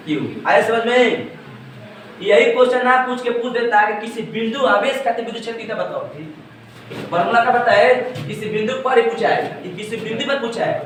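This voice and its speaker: A man's voice: extremely high pitch, fairly bright tone, a little hiss or hum. A male physics teacher lecturing a class, asking questions and repeating the answers to drill them in. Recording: echoey room, voice from far off.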